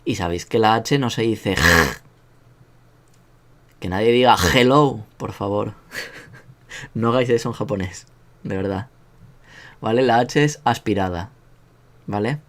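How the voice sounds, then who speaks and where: A man's voice: on the low side, slow pace, pauses often, fairly bright tone. A man with a Spanish accent from Spain, giving a casual online language lesson in a joking, self-mocking way and drilling sounds aloud. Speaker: language teacher.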